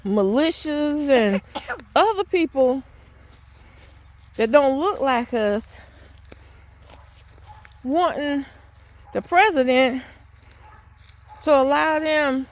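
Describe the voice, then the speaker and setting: A woman talking to the camera outdoors in a yard, earnest and exasperated, with a preachy tone and frequent restarts. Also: high-pitched. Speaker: vlogger. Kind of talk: spoken outdoor vlog monologue. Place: outdoors in a rural yard or garden.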